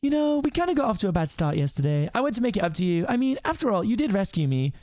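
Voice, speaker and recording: A male narrator acts out a spirited cartoon princess. The pitch sits high and moves freely, the manner is prim and commanding, and the sound is dry. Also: very animated, fast talker, darkish tone, no room sound. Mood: cheerful. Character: feisty young princess, polite but bossy.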